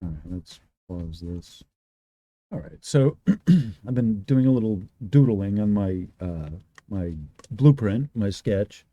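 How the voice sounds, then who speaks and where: Rambling man with dark booming voice. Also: expressive, slow, dry recording, lo-fi sound. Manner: rambling, restarts often, thinks aloud. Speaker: livestream host. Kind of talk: unscripted explanatory talk.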